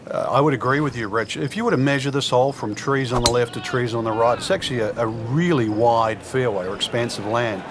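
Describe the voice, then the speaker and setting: Against crowd noise and outdoor ambience, a man with a natural mid-range voice talks briskly, hardly pausing. He's an analyst offering expert golf commentary, considered yet conversational.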